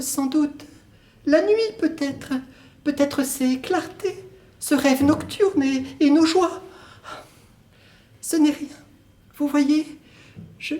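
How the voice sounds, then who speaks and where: A man's voice: very high-pitched, a little mellow, voice pushed up. A man voicing an evasive tearful young woman. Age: young adult. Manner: hesitant, clipped denials. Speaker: student actor. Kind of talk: solo stage reading of a play. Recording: roomy echo.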